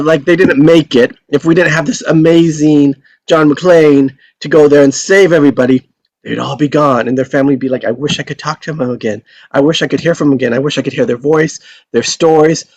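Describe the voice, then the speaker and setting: Hosting a table read over a video call, a man chats casually and hesitantly, filling his speech with many fillers. His voice is fairly high, and the recording is dry.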